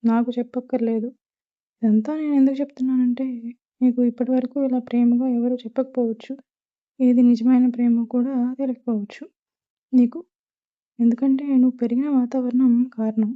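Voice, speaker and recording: A woman doing a gentle, motherly aunt. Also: a little high, lightly acted. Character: caring middle-aged mother consoling her son's shy bride. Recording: tinny phone-like sound.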